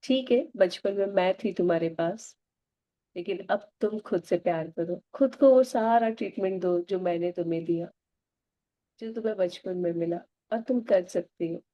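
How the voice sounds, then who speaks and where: A woman voicing a loving mother who gently reassures her grown daughter, repeating her comfort in a soft way. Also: lowish voice, normal speed, muffled recording, close to an everyday voice. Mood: tender reassuring.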